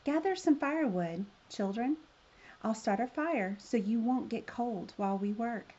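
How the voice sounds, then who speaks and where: A woman reading the part of a poor, worried woodcutter father in a storybook, soft-hearted and anxious. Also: fairly high pitch, animated, a little slow, muffled recording. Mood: gently firm.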